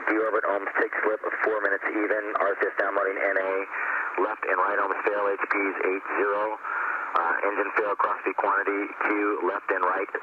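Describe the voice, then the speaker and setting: Man, low voice, breaking-up space radio, dull lo-fi sound, loud static hiss, clipped readback. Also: monotone, moderate pace. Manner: clipped, methodical reading back of figures. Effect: breaking up space radio link. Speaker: shuttle crew member. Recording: noisy lo-fi space radio with clicks.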